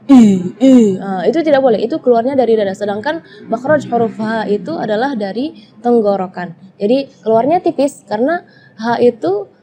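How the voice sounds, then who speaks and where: A woman's voice: fairly high pitch, warm tone, a little hiss or hum. A woman with an Indonesian accent explaining Quran recitation rules in a tajwid lesson, hesitating often with filler sounds. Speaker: Quran reading teacher.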